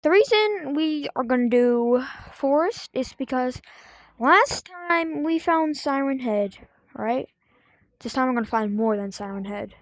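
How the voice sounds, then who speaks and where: A high-pitched woman talking through her VR game into a headset mic, chatty and rambling, tossing in sing-song bits. The sound is dry and close, with no room around it. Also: animated, measured pace, no echo. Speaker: gaming video host. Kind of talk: casual gameplay commentary.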